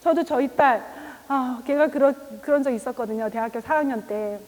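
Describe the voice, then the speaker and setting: A middle-aged woman delivers a sermon in a high, bright voice. She tells stories with laughter and softens to a hush at tender moments. The long reverb of a chapel trails each phrase. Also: brisk. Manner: warm storytelling with laughs, drops to a whisper for God's voice. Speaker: preacher. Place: church chapel.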